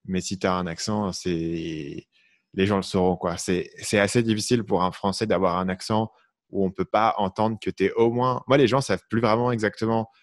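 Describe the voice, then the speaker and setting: Deep-voiced man hosting a podcast. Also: moderate pace, no echo, clean studio sound. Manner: relaxed, informal, thinking aloud. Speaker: podcast host. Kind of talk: casual interview conversation.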